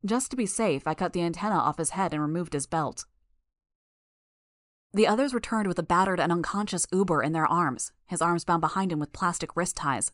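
Woman, audiobook narrator, low voice, steady, measured, dry close mic. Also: dry recording. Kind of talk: first-person audiobook narration.

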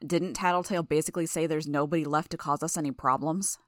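Skeptical young man, blunt and dismissive, low voice as read by a woman. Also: steady tone, quick pace, no room sound, studio quality, close to an everyday voice.

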